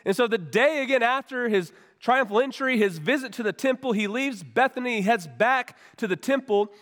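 A pastor delivers an earnest, conversational sermon, repeating and restarting his phrases. His voice sits high for a man and sounds weak and worn. The sound rings out with the long reverb of a church hall. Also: lively intonation, normal speed, fairly bright tone. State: weak, worn voice after weeks of voice loss. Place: church sanctuary.

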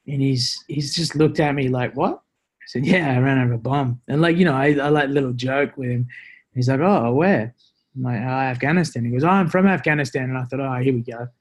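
An Australian former special forces soldier, appearing as a podcast guest, tells stories in a casual, rambling, reflective and joking way. His mid-range voice is fairly quick and slightly rough.

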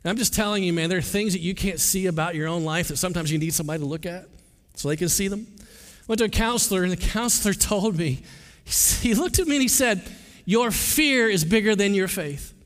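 Male pastor, high voice, earnest conversational sermon, stammered restarts. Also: fast talker. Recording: long hall reverb.

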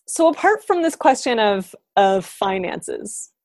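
A woman conducts an interview in a relaxed, conversational way, asking curious, open questions. She sometimes loses her thread and rephrases her questions mid-sentence. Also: mid-range voice, measured pace.

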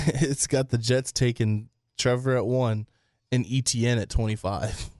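A man's voice: medium pitch, steady tone, unhurried, darkish tone, no echo, clean studio sound. A man co-hosting a casual sports podcast, arguing his pick emphatically and saying "like" a lot. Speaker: podcast co-host.

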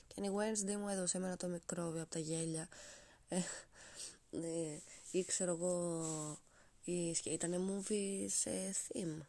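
A young woman hosts a podcast in a casual, rambling, sarcastic monologue, often dropping to a whisper, her voice congested from a cold. It sounds lowish, creaky and darkish, with no room sound.

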